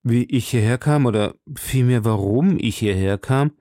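A man's voice: medium pitch, moderate pace, mellow, dry recording, clean studio sound, close to an everyday voice. A man voicing a timid, frightened middle-aged male shopkeeper who speaks hesitantly and pleads anxiously.

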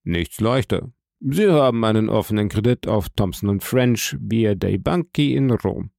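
An unmoved, mockingly polite bandit jailer, as a male audiobook reader does him, speaking low with a gravelly, mellow tone. He never raises his voice, and the sound is close and dry. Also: lively intonation, a little slow, dry recording. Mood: deadpan. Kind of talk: audiobook character voice.

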